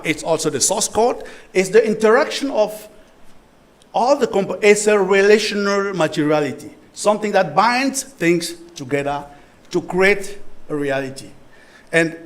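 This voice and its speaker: A man's voice: a little high, a bit bright, poor audio. A middle-aged man from Cameroon giving an academic conference talk, thinking aloud with frequent restarts and asking for the next slide. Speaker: symposium presenter.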